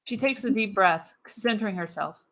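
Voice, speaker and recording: A woman performs a live radio-play reading of a screenplay, narrating the action with dramatic storytelling emphasis. Her voice is medium-pitched and her pace moderate.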